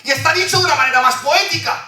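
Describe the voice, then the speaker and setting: A man preaching a sermon in a church, swinging loud shouting to hushed, fervent delivery. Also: extremely high pitch, very fast, reverberant, distant mic, soft background music. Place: church hall.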